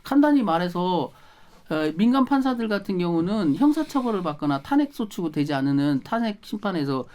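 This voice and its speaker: A woman's voice: fairly low pitch, sing-song, brisk, a little mellow. A woman speaking as a guest lawyer on a talk show, explaining emphatically and firing off rhetorical questions.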